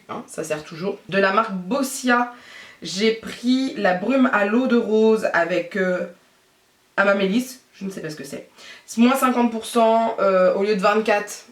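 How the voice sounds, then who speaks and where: A woman's voice: mid-range voice, far from the mic. Chatty French woman in an echoey room. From France. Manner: rambling, talks while doing her makeup. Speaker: beauty vlogger. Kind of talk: casual chatty haul vlog.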